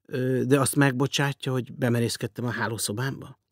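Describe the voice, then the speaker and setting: A man voicing an eager, polite, loud red-haired millionaire in an audiobook. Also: medium pitch, steady tone, dry recording, studio quality, lightly acted. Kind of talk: audiobook character voice.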